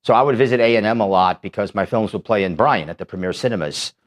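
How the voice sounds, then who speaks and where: A documentary filmmaker from Manhattan, New York, appears as a guest in a casual interview in a radio-style studio. He tells stories in a chatty way and laughs easily, talking fast in a voice on the low side.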